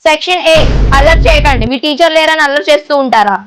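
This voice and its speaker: Sarcastic rival teacher, high voice, quick talker, mocking, comedy sketch. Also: female voice, a bit bright, slight background noise. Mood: scolding. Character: sharp-tongued young female teacher, mocking rival. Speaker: schoolteacher.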